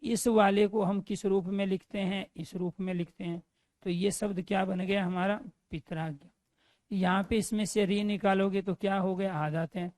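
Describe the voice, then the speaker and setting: A woman's voice: medium pitch, fairly even intonation, moderate pace, darkish tone, dry recording, clean studio sound. A woman teaching a grammar lesson, asking questions and answering them herself.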